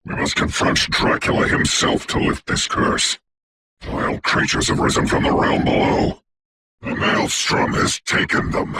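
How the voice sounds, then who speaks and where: A man voicing a proud, grave sorcerer doctor in a video game, speaking formally and theatrically in a rough, whispery voice. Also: measured pace, sharp tone, a little hiss or hum. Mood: commanding, proud. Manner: grandiose, formal, archaic, solemn delivery. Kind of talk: theatrical game character voice lines.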